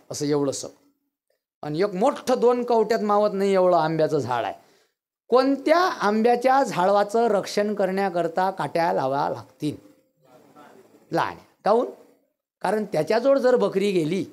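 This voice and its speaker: A man with a Varhadi Marathi accent preaching a devotional sermon, blunt and teasing, breaking into loud bursts. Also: high voice. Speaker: kirtan preacher.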